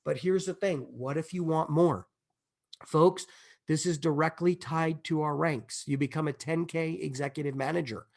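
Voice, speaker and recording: A man giving an excitable, emphatic business opportunity presentation, building hype and checking in with his audience as he goes. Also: on the high side, moderate pace, vocal fry. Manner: repeats "okay?" and "imagine this" to the audience. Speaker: company presenter.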